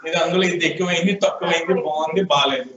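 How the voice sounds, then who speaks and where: This Telugu-accented programming teacher talks very fast in a fairly high, slightly bright voice, asking his class questions and prompting replies. The classroom lecture comes through distant, echoey and dull on lo-fi audio with slight background noise.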